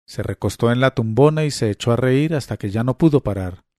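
A man narrating a literary story as an audiobook, in a measured, quietly dramatic reading with light voicing of the characters. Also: medium pitch, dry recording, clean studio sound.

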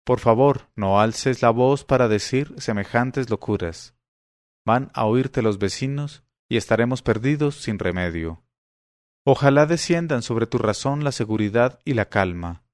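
A man's voice: mid-range voice, animated, unhurried, no room sound, clean studio sound, close to an everyday voice. A man voicing an elderly mother who pleads and laments over her son. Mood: pleading. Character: frightened, pleading old mother.

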